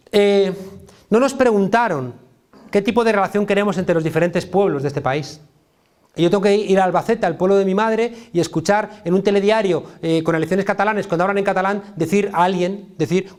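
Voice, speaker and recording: High-pitched yet darkish in tone, this middle-aged man from Spain lectures publicly as a political science professor. He speaks with passion and a Spain Spanish accent, repeating himself emphatically and colloquially.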